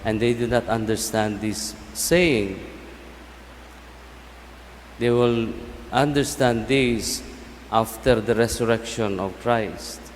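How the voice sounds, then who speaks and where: A Filipino man, a native Cebuano speaker, preaching as a priest in a solemn, measured way with pauses between short phrases. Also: on the low side. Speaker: priest giving a homily. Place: large church, speaking through a sound system. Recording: long basilica echo, some background noise.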